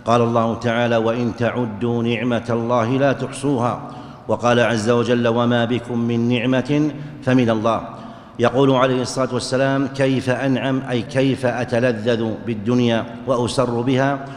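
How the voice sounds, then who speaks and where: A man giving a religious lesson, explaining texts in a measured, explanatory way and chanting the verses he quotes. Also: medium pitch, level tone. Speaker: religious teacher. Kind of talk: explaining hadith in a lecture. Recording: echoey hall with long reverb.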